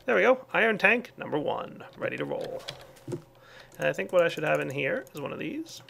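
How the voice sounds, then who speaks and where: A man's voice: fairly high pitch, sing-song, fairly quick, creaky, pushed and bright, slight background noise. A man casually commenting on his game as he plays, thinking aloud with lots of fillers. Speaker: let's play host.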